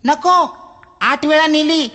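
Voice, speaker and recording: A man playing a pushy library customer who keeps asking in a high, whiny voice. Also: takes it slowly, in a large hall, very noisy.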